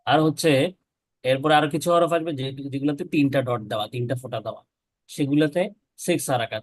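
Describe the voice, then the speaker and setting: A man's voice: mid-range voice, no room sound, poor audio. Male online tutor, patient and methodical, dry close sound over a video call. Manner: patient, explains step by step, models sounds for students to repeat. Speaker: Quran teacher. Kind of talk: online class teaching letter pronunciation.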